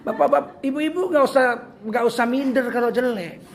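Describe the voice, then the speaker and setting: A man's voice: extremely high pitch, fairly quick, a little hiss or hum. An older man from Medan with a Medan accent, giving a humorous religious talk and acting out the voices he quotes. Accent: Medan Indonesian. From Medan, North Sumatra, Indonesia. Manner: animated, joking, acts out quoted voices. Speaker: preacher.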